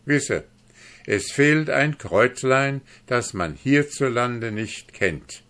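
A man's voice: medium pitch, animated, slow, fairly bright tone, pitched above the performer's own voice. A man voicing a mocking, secretive foreign guest in an audiobook reading. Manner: sneering, mocking.

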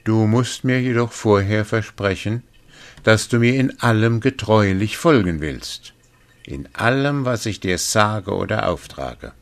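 A small grey helper-man, put on by a man in a storybook reading. The voice sits high above a deep narrating voice and pushes orders out urgently. It is bossy in a friendly way. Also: sing-song, takes it slowly, exaggerated voice. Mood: cheerful. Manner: raised pitch, urgent and commanding.

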